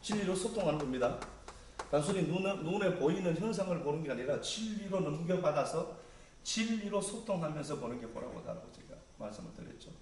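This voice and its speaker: Male pastor, mid-pitched, relaxed conversational sermon; distant mic in a very echoey hall with faint ambience. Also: fairly quick, slight background noise. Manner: conversational preaching, paraphrasing scripture in casual speech.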